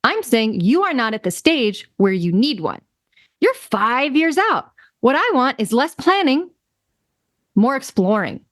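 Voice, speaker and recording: A woman's voice: fairly high pitch, sing-song, unhurried, a bit bright, dry recording, studio quality. A woman co-hosting an advice podcast, chatting casually in a playful, emphatic way with jokey asides. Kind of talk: casual chat.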